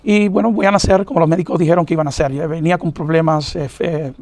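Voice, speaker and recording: Middle-aged guy preaching his testimony, rushes along, lots of uhs, pretty high voice, dry close sound. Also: steady tone, darkish tone, no echo. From New York, of Puerto Rican parents. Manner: earnest, halting, many fillers. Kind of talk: personal testimony in an interview.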